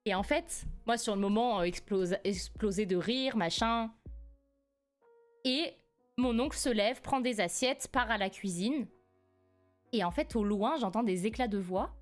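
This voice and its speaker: A young woman from France in her twenties, streaming live and telling a family story in a casual, animated way, laughing often. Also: mid-range voice, unhurried, faint music behind. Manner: animated, laughs often, rises sharply when indignant.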